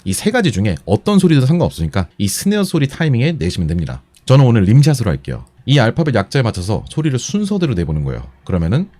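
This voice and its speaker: A man teaching a beatbox lesson step by step, patient and methodical, repeating each instruction slowly. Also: medium pitch, wildly swooping pitch, warm tone, a little hiss or hum. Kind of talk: step-by-step tutorial explanation.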